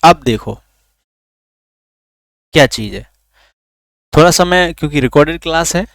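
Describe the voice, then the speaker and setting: एक आदमी, जो रिकॉर्ड की गई ऑनलाइन क्लास पढ़ाता है, खुद सवाल पूछकर खुद जवाब देता है और स्वरों को खींचकर बोलता है।. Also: male voice, a little high, expressive, measured pace, gravelly, a bit bright, no echo, studio quality. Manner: asks questions then answers them himself; drags out vowels to demonstrate. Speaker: teacher. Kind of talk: recorded online lesson.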